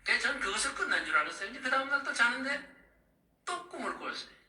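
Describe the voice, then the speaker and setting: A man's voice: very high-pitched, fast. A middle-aged male pastor preaching, telling the story of his visions and calling out to the congregation. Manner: animated, calls out to the congregation. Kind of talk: sermon recounting visions. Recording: echoey room, distant mic.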